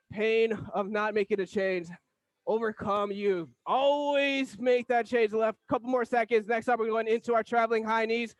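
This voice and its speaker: A man coaching a fitness class as an energetic, motivational aerobics instructor, calling out exercise cues and countdowns. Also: very high voice, no echo.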